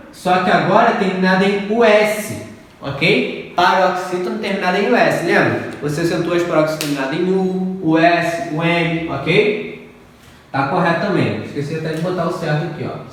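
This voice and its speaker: A man's voice: high voice, moderate pace. A man teaching a grammar lesson, working through exercises patiently, repeating the rules and checking in with his students often. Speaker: Portuguese teacher. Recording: echoey room, from far off, faint noise.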